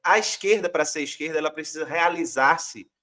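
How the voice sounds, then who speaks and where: A man's voice: on the high side, moderate pace, pushed and bright. A man from Brazil arguing a political point as a guest author, reflective and using many fillers. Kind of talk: political discussion.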